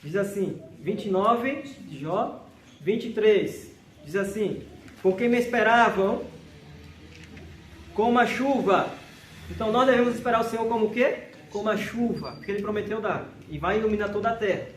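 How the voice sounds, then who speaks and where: A man from Brazil preaching a sermon, emphatic, slowly repeating each verse reference. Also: high-pitched. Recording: echoey hall with faint noise.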